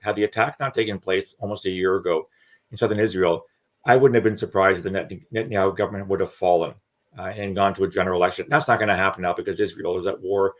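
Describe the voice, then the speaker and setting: Low-voiced man, measured analyst. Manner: measured, frequent restarts and stammered repeats. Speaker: security analyst guest. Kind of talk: podcast discussion.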